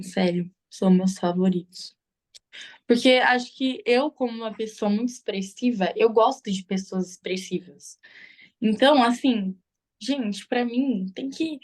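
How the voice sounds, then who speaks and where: Chatty Brazilian woman, animated and exclamatory. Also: a little high. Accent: Brazilian Portuguese. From Limeira, interior of São Paulo, Brazil. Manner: animated, exclamatory, many fillers. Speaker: participant in an online talk. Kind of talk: casual chat.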